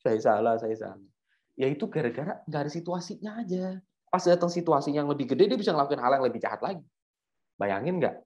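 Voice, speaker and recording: Animated youth pastor. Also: male voice, on the high side, quick pace, dull audio. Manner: animated, joking, slangy. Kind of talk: casual sermon storytelling.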